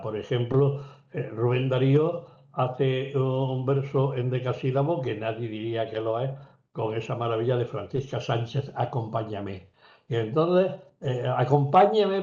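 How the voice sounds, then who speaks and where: A man's voice: mid-range voice, warm tone. A man talking about poetry in an academic conversation, hesitating often with fillers and restarts, now and then singing or reciting an example. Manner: lecturing, sings and recites examples. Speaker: poet in a seminar conversation. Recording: roomy and slightly dull recording.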